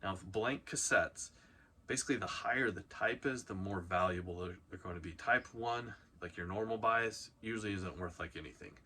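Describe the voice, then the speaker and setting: The host of a reselling video channel talks to camera through a countdown, keeping it casual and informal with punchy emphasis. His voice sits low and sounds pushed and bright, at a moderate pace. There's slight background noise.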